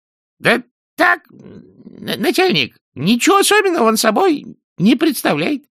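A man voicing a servile male demon underling who answers from far away, high and eager to please. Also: wildly swooping pitch, a little slow, fairly bright tone, husky, dry recording, clean studio sound, full character voice.

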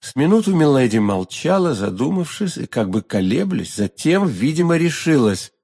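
Husky-voiced male storyteller. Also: on the high side, big pitch swings, moderate pace, darkish tone. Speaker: audiobook narrator. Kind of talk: scripted narration of a classic novel.

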